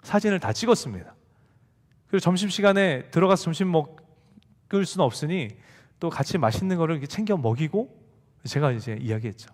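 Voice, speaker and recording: Animated male pastor preaching. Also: fairly high pitch, a little fast, long pauses. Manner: animated storytelling, acts out quoted dialogue. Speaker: youth group pastor. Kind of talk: sermon. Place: church sanctuary. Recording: long hall reverb.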